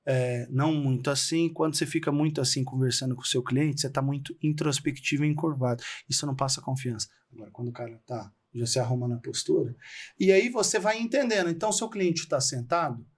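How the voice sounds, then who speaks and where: A Brazilian man speaking as a guest on a podcast, explaining things in an animated way and acting out little bits of dialogue. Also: mid-range voice, fast talker, husky. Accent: Brazilian Portuguese. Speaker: podcast guest, real estate trainer. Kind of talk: casual podcast conversation.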